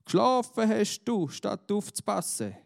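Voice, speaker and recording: A man's voice: sits high, big pitch swings, measured pace, gravelly, voice pushed up, heavily acted. A man doing a furious, scolding master. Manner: scolding and shouting. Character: angry, harsh older master shepherd.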